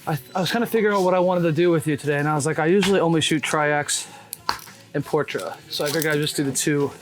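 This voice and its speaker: A former BMX vlogger turned street photographer, here as a guest, speaks fast in a fairly high voice with music going in the background. He's out walking in the city, chatting casually and candidly with plenty of slang and curse words. The noisy street setting brings clear traffic and street noise.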